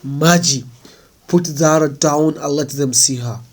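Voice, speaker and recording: A man's voice: on the high side, a little slow. A man doing a proud, taunting desert prince. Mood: commanding. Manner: mocking, commanding.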